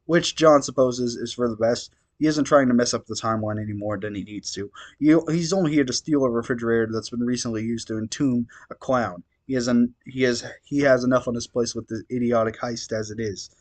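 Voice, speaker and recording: A man's voice: medium pitch, steady tone, brisk, hardly any pauses, a little mellow. A man reading fan fiction aloud, stumbling over words now and then and adding wry asides. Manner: reads steadily, stumbles and adds wry asides. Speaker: reader.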